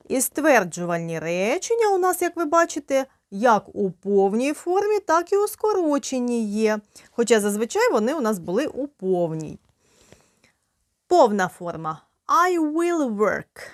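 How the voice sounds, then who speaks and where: A woman with a Ukrainian accent teaching English grammar, drilling slow example sentences with patient, clear explanations. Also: medium pitch, dry recording, clean studio sound. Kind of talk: grammar lesson.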